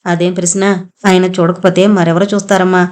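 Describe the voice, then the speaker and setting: A woman's voice: fairly low pitch, little pitch movement, fairly quick, a little mellow, close to an everyday voice. A woman voicing a proud, caring young married daughter who speaks earnestly and with feeling. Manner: earnest and emotional.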